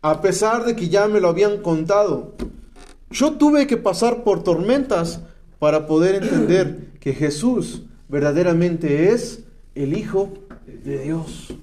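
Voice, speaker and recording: A man's voice: high-pitched, expressive, slow, darkish tone. A man with a Mexican accent giving a slangy, emphatic testimony sermon to people in rehab, reading and explaining scripture. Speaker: speaker at a rehab center. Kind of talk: preaching testimony to addicts.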